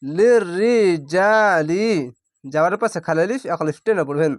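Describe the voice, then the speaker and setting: A man's voice: on the high side, no echo, clean studio sound. Man patiently spelling out recitation. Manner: spells syllables out plainly, then draws out recited words slowly. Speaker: Quran reading teacher. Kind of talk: spelling-out Quran lesson.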